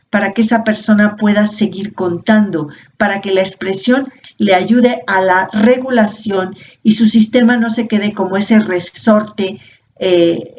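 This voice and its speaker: A woman leading an informal workshop, explaining at an unhurried pace and posing rhetorical questions to her listeners. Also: medium pitch, darkish tone. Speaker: workshop facilitator. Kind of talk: informal teaching talk. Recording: dull lo-fi audio with faint noise.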